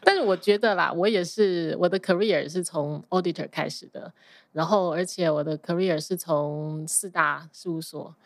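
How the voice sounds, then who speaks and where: A woman's voice: on the low side, normal speed, dry recording, clean studio sound. A woman with a Taiwanese Mandarin accent talks casually as an interview guest, dropping English words into her sentences. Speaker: podcast guest, accountant.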